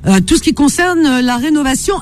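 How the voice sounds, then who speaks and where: A woman's voice: sits high, animated, brisk, a little mellow. A woman hosting a radio phone-in for small ads, chatting casually in a playful, teasing, informal way. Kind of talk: casual live radio chat.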